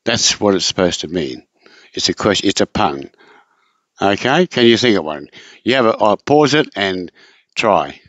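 A man tutors in a casual spoken lesson, patiently and repetitively drawing out his explanations and often circling back over points. His deep voice swings widely in pitch and is a bit bright, in a dull, lo-fi recording that is otherwise dry.

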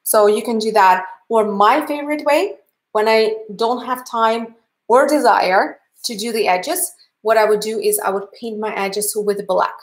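A painting instructor in her thirties, a woman from Canada with a Russian accent, chats in a friendly, upbeat way while wrapping up a livestream painting class indoors in her home art studio. Her voice is a little high and unhurried.

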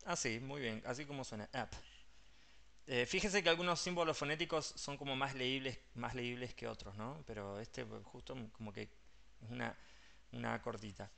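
A man's voice: mid-range voice, normal speed, vocal fry, pushed and bright. A man with a Rioplatense Spanish accent, an English teacher patiently explaining pronunciation step by step and mixing English terms into his Spanish.

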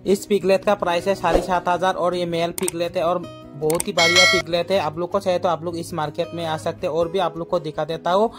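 A young man whose voice sits high with little pitch movement speaks briskly over music, filming himself at an outdoor market with his phone held at arm's length. In chatty, casual narration he calls his viewers "guys" and asks vendors about prices.

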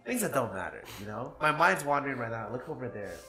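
A man's voice: medium pitch, big pitch swings, fast talker. A man giving a casual, rambling monologue in a roomy-sounding space. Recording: roomy, loud music behind.

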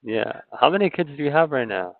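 Gravelly male telemarketer on the phone. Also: fairly high pitch, sing-song, fairly quick, no room sound. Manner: telemarketer patter, informal reassurance. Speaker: insurance telemarketer. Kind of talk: casual sales call. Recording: narrow tinny phone line.

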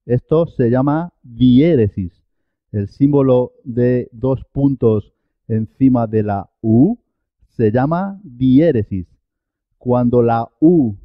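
A man teaching Spanish pronunciation, slowly repeating each example word with careful articulation. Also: mid-range voice, dry recording. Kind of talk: pronunciation lesson. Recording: dull, dry lo-fi sound.

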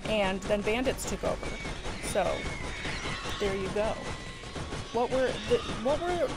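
Co-hosting a couch co-op let's play, a woman laughs often while walking through the quests in detail. Her mid-range voice has lively intonation, and she takes things slowly in this casual gameplay chat. Game music plays behind her.

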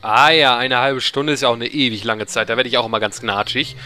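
A man's voice: mid-range voice, steady tone, a little fast, sharp tone, faint music behind. A man giving casual, chatty gameplay commentary in a playful, ironic way. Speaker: let's player.

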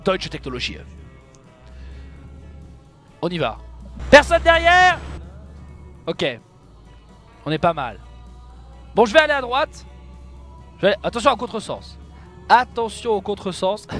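A man's voice: extremely high pitch, very animated, a little slow, long pauses, a bit bright, faint music behind. A man giving casual commentary over his own gameplay, exclaiming at his mistakes and making joking, self-mocking asides to his viewers. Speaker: video game streamer.

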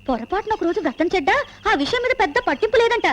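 An actress playing a devout, fussy young wife in a film scene, talking in a pleading, dramatic way. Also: female voice, very high-pitched, very animated, very fast, a little hiss or hum. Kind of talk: film dialogue. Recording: music score behind.

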